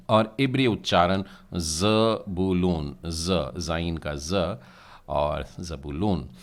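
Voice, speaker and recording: A man teaching a language class, patiently spelling out letters and sounds one by one and asking his learners to read along. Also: sits low. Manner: addresses learners directly, asks them to read. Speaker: Hebrew teacher. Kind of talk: language lesson.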